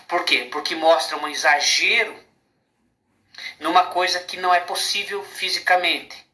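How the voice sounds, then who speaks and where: Emphatic Brazilian man, tense bright voice. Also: a little high. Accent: Brazilian Portuguese. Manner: emphatic, rambling, asks rhetorical questions. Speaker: spiritual speaker. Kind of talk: informal spiritual monologue. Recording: roomy echo.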